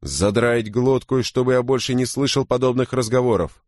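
A man voicing a gruff, angry boatswain who barks orders in a raised, harsh voice in an audiobook. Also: medium pitch, normal speed, darkish tone, no room sound, studio quality, pitched above the performer's own voice, natural voice.

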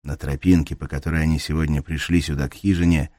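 Very deep-voiced male audiobook narrator. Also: steady tone, fast, a little mellow, no room sound, clean studio sound. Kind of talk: scripted narration.

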